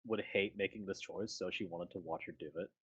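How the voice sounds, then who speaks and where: A woman's voice: a bass voice, steady tone, a little fast, husky, dull audio. A woman running a tabletop game as game master, narrating casually among friends.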